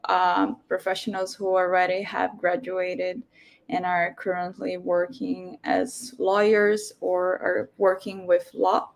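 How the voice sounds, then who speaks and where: A woman hosts a virtual information session, speaking at an unhurried, deliberate pace. Her delivery is welcoming and has many small fillers. She is heard through a video call. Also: lowish voice, gravelly. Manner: slow, welcoming, with frequent fillers. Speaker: host of an online information session. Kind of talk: hosting a virtual info session.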